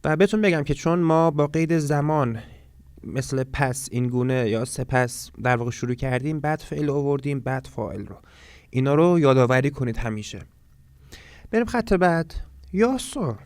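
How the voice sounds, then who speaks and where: Smooth-voiced man teaching a language lesson. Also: medium pitch, animated, a little mellow, no room sound. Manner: explains step by step, reads Swedish words slowly then translates. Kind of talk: textbook lesson narration.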